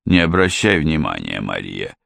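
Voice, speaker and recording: A man's voice: low voice, expressive, slow pace, creaky, dry recording, full character voice. A man doing a cold insolent impostor preacher.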